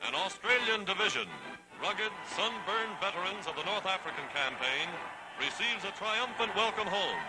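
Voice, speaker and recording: Old 40s newsreel guy, high voice, big emphatic announcer delivery, music blaring behind him. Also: lively intonation, moderate pace, low-quality recording. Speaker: newsreel narrator. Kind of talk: 1940s newsreel narration, scripted. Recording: old 1940s newsreel soundtrack, loud music. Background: loud music score.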